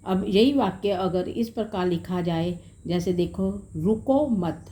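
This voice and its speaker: A woman teacher walks her pupils through a grammar lesson at an unhurried pace, calling them children and dear. Her voice is warm and mellow, and she builds each point from simple worked examples. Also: lowish voice. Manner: explains slowly with worked examples.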